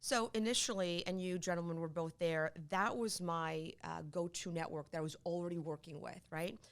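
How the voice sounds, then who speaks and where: A divorce attorney in middle age, born in Poland and speaking Polish as her first language, talks in a lowish voice during a conversational interview. Her delivery is emphatic, and excitement makes her repeat herself quickly.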